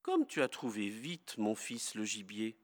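A man reading the lines of old Isaac, a blind father, solemn and measured in tone. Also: lowish voice, wildly swooping pitch. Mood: doubting. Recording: long hall reverb.

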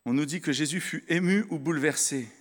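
A man's voice: a little high, fairly quick, big-room sound. A man preaching a sermon, speaking conversationally and directly to his congregation, earnestly stressing his convictions. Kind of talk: sermon with Bible reading.

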